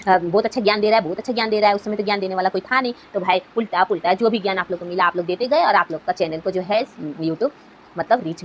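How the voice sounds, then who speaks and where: A woman's voice: mid-range voice, a little hiss or hum, low-quality recording. A woman YouTuber giving an earnest motivational talk to fellow creators, asking rhetorical questions as she goes.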